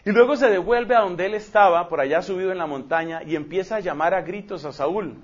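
A man preaching a sermon, telling a story emphatically and rushing through asides. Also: high-pitched. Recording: dull lo-fi recording.

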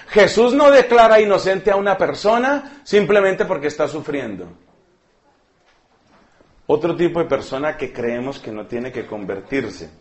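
A man preaching a sermon, emphatic and joking, repeating words for effect. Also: a little high.

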